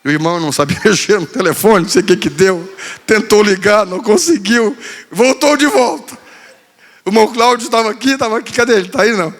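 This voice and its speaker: A man's voice: high voice, fast talker, in a large hall. A male pastor preaching a sermon, telling a story in a playful way and acting out quotes. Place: church hall.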